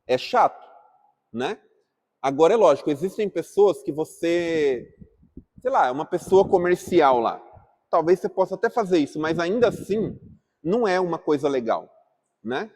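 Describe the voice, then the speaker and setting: A man's voice: a little high, expressive, normal speed, a little mellow. A man teaching a class at church, talking casually and asking the group questions. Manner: asks the group questions, calling on people by name. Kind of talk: interactive class talk.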